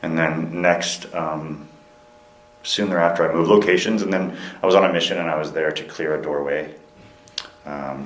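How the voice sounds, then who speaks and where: A young man, a military veteran, speaking in a candid interview, earnest and reflective, with frequent halting restarts and fillers. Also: rumbling low, echoey room, low-quality recording. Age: young adult.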